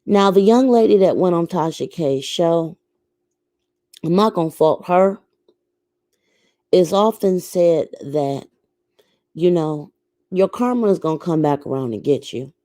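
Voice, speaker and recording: An American woman delivers casual commentary to her viewers in a slow, deliberate pace. Her voice is on the low side and mellow, recorded dry and close. She leans on key phrases, repeating them for emphasis. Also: expressive, no room sound. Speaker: YouTube commentator.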